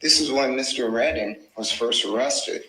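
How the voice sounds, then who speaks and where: A man speaking as a defense attorney, addressing a jury with emphatic, deliberate repetition of key phrases. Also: medium pitch, pushed and bright. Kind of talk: courtroom opening argument to a jury. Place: courtroom. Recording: echoey courtroom, clear background noise.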